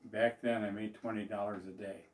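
In a small office, an older business owner addresses the camera about his business, speaking plainly and loosely with fillers and restarts. The pitch is on the low side and barely moves, delivered at a normal speed. Because the camera mic is far away, the voice comes through distant with a roomy echo.

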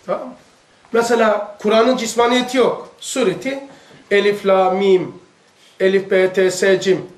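A man's voice: high voice, steady tone, normal speed. A man with a Turkish accent giving a spiritual lesson to a gathering, talking conversationally and turning to his listeners with direct questions. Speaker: religious teacher. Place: room with a gathered audience. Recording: echoey room.

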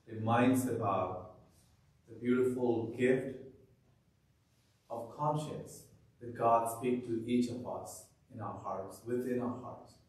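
Priest at mass, slow careful reading, big cathedral echo, sounds far from the mic. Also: male voice, mid-range voice, a little mellow. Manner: slow, measured liturgical delivery. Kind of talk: gospel reading and homily at Mass. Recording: echoey church, mic far off.

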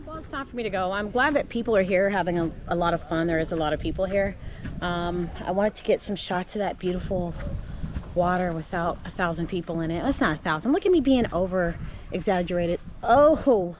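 A woman's voice: fairly low pitch, fairly quick, background noise. A middle-aged woman chatting straight to her viewers as she films herself on park trails. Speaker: vlogger. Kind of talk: casual vlog narration. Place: outdoor park trails by a spring. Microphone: handheld camera at arm's length.

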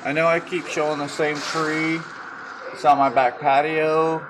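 A man's voice: fairly high pitch, little pitch movement, unhurried. A man giving casual live narration of a storm as an amateur eyewitness. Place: inside a home during hurricane. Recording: very loud wind noise. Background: roaring storm wind.

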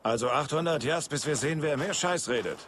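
An actor playing a stern, dry squad captain in a video game, commanding and matter-of-fact. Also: male voice, fairly high pitch, animated, brisk, a bit bright. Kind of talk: dramatic video game acting. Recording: game ambience, clear background noise.

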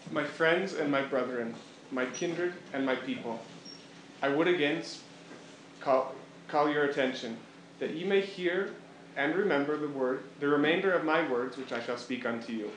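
A man's voice: a little high, moderate pace, a bit bright. A man reciting a scriptural address to listeners. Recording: echoey room with faint noise.

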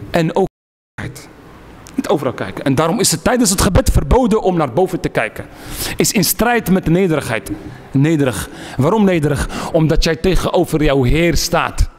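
A man's voice: sits high, big-room sound. A man giving a sermon, emphatic, repeating key phrases and asking and answering his own questions. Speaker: speaker giving a religious lecture. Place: lecture hall.

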